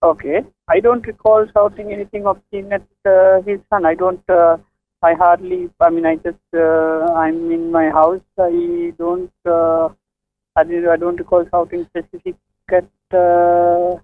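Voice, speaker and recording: Speaking at a measured pace in a high voice with little pitch movement, a man on an office telephone keeps repeating himself. The tinny, narrow line carries his hesitant, polite protests as the target of a prank call.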